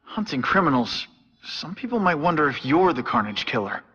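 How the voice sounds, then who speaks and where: An actor playing a wisecracking young superhero in a video game, with a casual, sarcastic manner. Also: male voice, on the high side, very animated, moderate pace, a bit bright, breathy edge, no echo, lo-fi sound, full character voice. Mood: inquisitive, earnest. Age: young adult. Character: wisecracking young male superhero, earnest and quippy.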